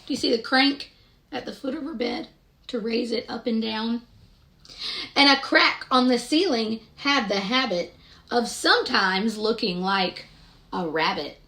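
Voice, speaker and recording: With a somewhat high voice, a woman shares a picture book with kids, reading deliberately and with plenty of expression. Along the way she stops to quiz her young listeners.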